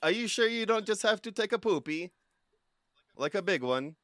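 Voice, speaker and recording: A man's voice: sits high, lively intonation, normal speed, fairly bright tone, no room sound, clean studio sound, voice pushed up. A man doing a goofy, punning waiter. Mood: silly. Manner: silly, wordplay-loving, playful. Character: goofy male restaurant waiter. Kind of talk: improv comedy scene.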